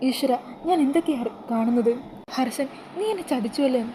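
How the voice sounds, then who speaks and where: A woman's voice: high voice, brisk, mellow, slight background noise, voice pushed up, lightly acted. A woman voicing a heartbroken young woman who pleads through tears. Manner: sobbing, pleading questions.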